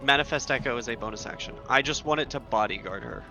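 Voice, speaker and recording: A man's voice: mid-range voice, quick pace, gravelly, over music. A man playing in a tabletop game, chatting casually, swearing and saying "like" a lot. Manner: casual, swears, says "like" often. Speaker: player.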